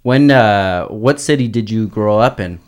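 A man in his thirties from Southern California hosting a casual podcast chat, relaxed, laughing often and calling his guest "dude". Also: lowish voice, unhurried. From Oxnard, Southern California. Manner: laid-back, laughs often, says "dude" and "man" a lot. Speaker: podcast host.

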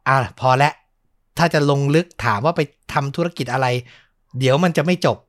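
A man's voice: mid-range voice, moderate pace. A man hosting a podcast, retelling a true spooky story in a chatty way with many fillers.

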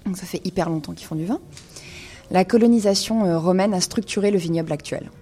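Woman, wine columnist, hesitant with fillers, warm dark tone. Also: fairly low pitch, a little fast, breathy edge. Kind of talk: casual radio-style wine segment.

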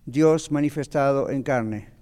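A man's voice: medium pitch, a little slow, warm tone, long reverb tail. A man teaching a Bible lesson to a church class, explaining patiently and asking the audience questions.

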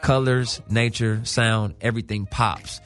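In a radio studio with soft background music, a music artist from South Central Los Angeles speaks in a fairly low, steady, slightly bright voice without hurrying. As a guest he chats casually, emphatic and slangy, often repeating himself and checking in with the listener.

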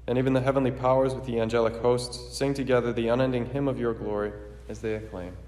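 A priest celebrating Mass, reciting the liturgy in a steady, measured way, his voice ringing with a cathedral echo. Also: mid-range voice. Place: large church. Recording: echoey church with long reverb.

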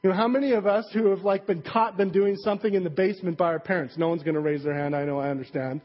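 A man's voice: high-pitched, fairly even intonation, fast. A male pastor preaching a sermon in a conversational, joking way, full of fillers and asides. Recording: dull recording with long hall reverb.

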